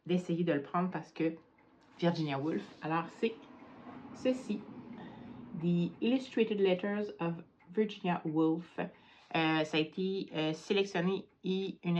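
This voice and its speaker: A woman's voice: fairly low pitch, highs cut off, slight background noise. A tired woman with a Quebec French accent chatting hesitantly at home in a casual book vlog, with many fillers. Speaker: book vlogger.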